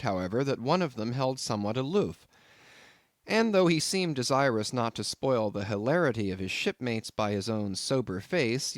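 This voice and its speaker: Reading a classic novel as an audiobook narrator, a man delivers scripted narration in a measured, expressive storyteller's manner. His pitch is medium, and the studio sound is clean with no room tone.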